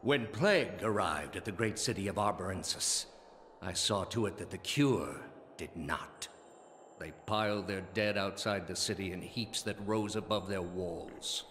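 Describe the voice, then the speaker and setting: An actor playing a weary, ancient immortal villain in a video game, a grave and unyielding orator serving the gods. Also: male voice, low voice, a little slow, a bit bright, a little hiss or hum. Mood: grave, preaching. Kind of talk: dramatic game voice acting.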